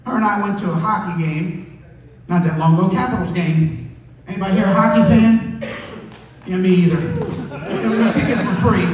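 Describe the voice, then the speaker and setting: High-voiced man doing stand-up in a hall. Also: slight background noise. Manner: profane storytelling, acting out dialogue. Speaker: stand-up comedian. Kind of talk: open mic stand-up. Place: comedy club stage. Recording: echoey hall, distant mic, crowd.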